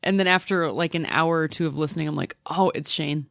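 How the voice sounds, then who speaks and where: A woman co-hosting a casual podcast, chatty and animated as she tells a story. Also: low-pitched, fast talker, creaky, dry recording, studio quality. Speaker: podcast co-host.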